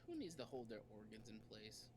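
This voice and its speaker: A man speaks softly and quietly on a voice call, his pitch rising and falling a lot. The line carries clear background noise. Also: sing-song, a little fast. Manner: soft-spoken, quiet. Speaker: friend on voice call. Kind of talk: casual chat.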